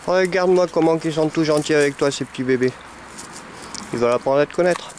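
A man, a dog breeder, coaxing and training puppies among goats with affectionate baby talk and sudden high calls. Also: fast, darkish tone, a little hiss or hum. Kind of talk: talking to puppies and goats while training them. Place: animal pen with goats.

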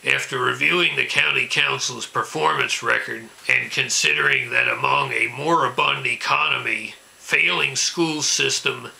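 Man putting on a loud, indignant comic ranter. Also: mid-range voice, vocal fry, exaggerated voice, low-quality recording. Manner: emphatic, declamatory. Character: loud, indignant mock-political ranter delivering grievances. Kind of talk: mock-outraged comedic monologue.

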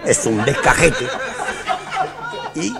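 A man's voice: mid-range voice, expressive, slow pace, vocal fry, a crowd in the background. A man with an Argentine accent doing crude live stand-up comedy, rambling and laughing at his own jokes. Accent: Argentine Rioplatense Spanish. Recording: live show cassette recording.

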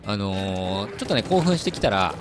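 A man's voice: fairly low pitch, big pitch swings, moderate pace, background noise. Chatty man with a Hiroshima accent. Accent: Hiroshima dialect. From Hiroshima, Japan. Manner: chatty, playful, frequent laughs. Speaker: game commentator. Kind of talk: casual gameplay commentary.

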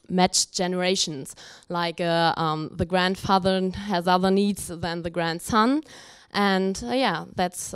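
Casting note: young woman, co-author at a book launch, slow unhurried delivery, halting with fillers. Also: on the low side, clear, resonant tone, no echo, studio quality. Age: young adult. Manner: hesitant, many fillers. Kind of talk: short self-introduction. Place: seminar room. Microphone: handheld mic.

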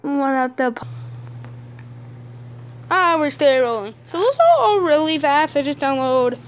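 In an unhurried, animated, high voice, a woman YouTuber demonstrates apps in a laid-back tutorial. She jokes and rambles, slipping in mumbled asides under her breath.

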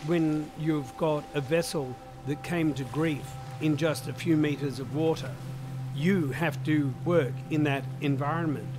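A man's voice: a little high, a little slow, music in the background. Vivid Australian man explaining. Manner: vivid, plain-spoken explanation. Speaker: chemist and museum director. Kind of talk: interview.

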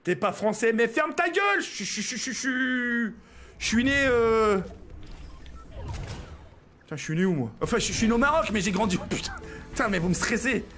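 High-voiced exasperated male streamer ranting. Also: lively intonation, moderate pace, long pauses, a bit bright, soft background music. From France. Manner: exasperated, swearing, stammering restarts. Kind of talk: ranting live game-stream commentary.

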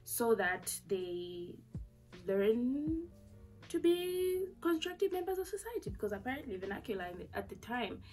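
Her voice sits on the high side with big pitch swings, a normal pace and a slightly mellow quality, though the audio is poor and faint music plays behind. A young Zambian-accented vlogger, she tells a candid personal story with many fillers and asides to a camera at desk distance in a small bedroom.

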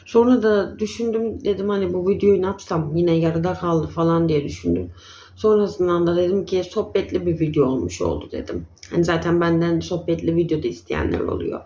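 Chatty woman vlogger, mellow voice. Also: fairly low pitch, animated, fairly quick, lo-fi sound, slight background noise. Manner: affectionate, keeps calling viewers dear. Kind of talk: casual chatty vlog.

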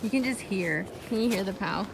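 A woman's voice: mid-range voice, fairly quick, gravelly. A woman in her twenties talking casually into a phone held at arm's length on a ski slope, chatty and self-mocking. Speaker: vlogger. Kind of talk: casual vlog chat. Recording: noisy outdoor phone audio.

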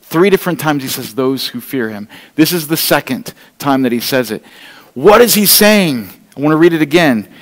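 A middle-aged pastor delivers a sermon to his congregation, earnest and pleading, his voice a bit high for a man and his delivery animated at a normal speed. He walks the church stage with an open Bible in a large indoor room, and the long reverb of the hall carries his words.

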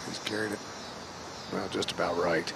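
A man's voice: low-pitched, steady tone, moderate pace. A man giving live golf commentary in a wry, offhand manner. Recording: clear outdoor course noise behind.

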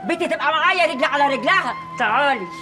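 A woman's voice: sits high, animated, very fast, over music. A scolding Egyptian mother. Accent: Egyptian Arabic. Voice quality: scolding, sharp-tongued. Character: fiercely protective anxious mother. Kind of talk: TV drama acting.

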